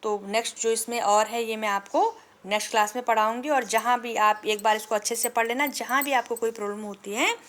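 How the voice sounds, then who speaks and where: A woman teacher giving a grammar lesson to schoolchildren. She explains patiently and poses questions that she answers herself. She stretches out vowel sounds slowly as examples. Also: on the high side, fairly bright tone. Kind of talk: classroom lesson to children.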